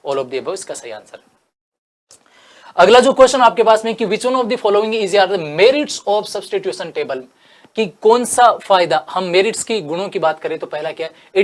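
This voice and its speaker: A male teacher from India giving an exam-prep lesson. He reads English options slowly, then explains them with rhetorical questions. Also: high voice.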